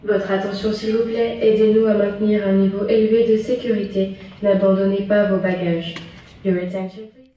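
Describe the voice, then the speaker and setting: Woman, airport intercom announcer, even delivery, far off, booming echo. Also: moderate pace, over music. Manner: calm, formal public announcement. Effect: over an airport intercom. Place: airport terminal. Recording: echoey distant lo-fi loudspeaker.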